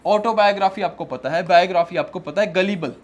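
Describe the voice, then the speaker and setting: Guy teaching exam vocab in hindi english mix, high voice, reads definitions slow, keeps saying ok. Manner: explains patiently, reading English definitions slowly; tag questions to students. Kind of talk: Hindi-English classroom lecture.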